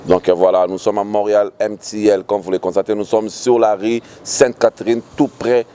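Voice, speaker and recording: A man's voice: on the low side, fairly even intonation, a little fast, warm tone, clear, resonant tone. A man hosting a street interview outdoors, playful and speaking straight to the audience. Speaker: show host.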